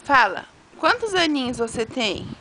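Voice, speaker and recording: High-voiced Brazilian mother coaxing a toddler. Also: sing-song, a little slow, sharp tone, slight background noise. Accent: Brazilian Portuguese. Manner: coaxing, sing-song questions. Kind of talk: baby talk to a toddler.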